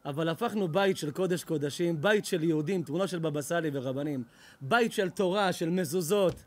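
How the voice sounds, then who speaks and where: A man, a rabbi, telling stories in an animated sermon, lively and quick to laugh and exclaim. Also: fairly high pitch. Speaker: rabbi giving a talk.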